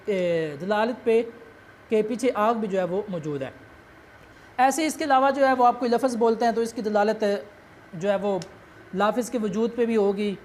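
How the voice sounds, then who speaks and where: A woman's voice: on the high side, a little hiss or hum. A woman teacher giving a lecture on a text, explaining step by step, asking herself questions and repeating key terms.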